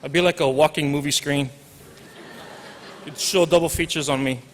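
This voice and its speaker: This is a commencement speech from a teacher in his forties from Hawaii, whose Hawaiian accent carries informal remarks, jokes and Pidgin phrases. His fairly high voice stays steady at a moderate pace. The large hall adds reverb, and a little hiss or hum sits underneath.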